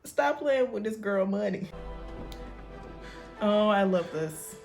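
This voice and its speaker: An American woman hosts a reaction in a casual, colloquial style, talking straight back to what she watches. Her voice sits at a middle pitch for a woman. Music plays in the background. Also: expressive, takes it slowly, creaky, darkish tone. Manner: colloquial, talks back to the screen. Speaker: reaction show host.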